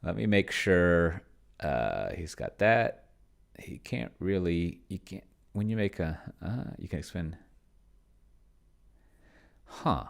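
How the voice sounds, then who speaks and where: A man runs a solo tabletop roleplaying session, musing aloud in a casual, halting way and frequently trailing off partway through a thought. His voice is deep, expressive, and creaky.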